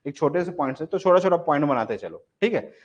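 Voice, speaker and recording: A man teaches a live online exam-prep class in a slightly high voice. He asks his students questions, gives the answers himself and repeats the key points. The recording sounds dull and lo-fi. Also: expressive, fast talker, breathy edge. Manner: repeats key points, often says "ठीक है".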